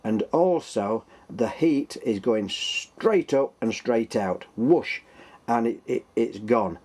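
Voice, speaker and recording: A man's voice: medium pitch, lively intonation, slow, a little mellow. A man with a Yorkshire accent hosting a casual, unscripted workshop tutorial, explaining things in a hesitant way. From Yorkshire, England. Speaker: host of a workshop engineering channel.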